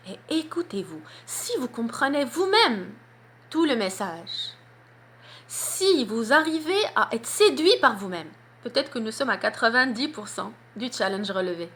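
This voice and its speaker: A woman with a fairly high, bright voice gives a public speaking lesson. She swoops up and down in pitch and presses hard on key words. Every syllable is sharply articulated. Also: a little hiss or hum. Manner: emphatic, deliberate articulation with demonstrations.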